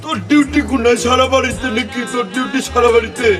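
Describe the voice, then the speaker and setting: A man's voice: very high voice, steady tone, quick pace. A man doing a stern, scolding master of the house. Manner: scolding, orders the gatekeeper about. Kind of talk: comic drama acting. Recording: distant voice over background music.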